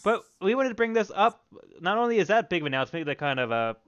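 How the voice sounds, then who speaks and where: A man hosting a gaming podcast, talking in an upbeat, chatty way and often starting his words over. His voice is smooth, resonant and a little high. The recording sounds slightly muffled. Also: very animated, fast, fairly bright tone. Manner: chatty, enthusiastic, frequent restarts. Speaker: podcast host. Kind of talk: casual gaming podcast chat.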